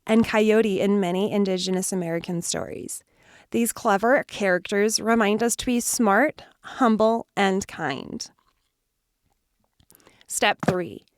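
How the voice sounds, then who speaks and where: In a dry, close recording with no room sound, a woman speaks at a middle pitch as she tells kids a campfire story. Her delivery is slow and calming, with hushed whispers and call-and-response moments she leads.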